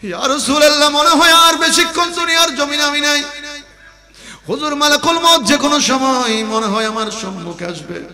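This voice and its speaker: A man preaching in his own voice, softening and lowering it as he voices the words of a dying, devoted elderly noblewoman. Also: moderate pace, heavily acted. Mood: tender, grieving. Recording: echoey reverberant hall with loud crowd.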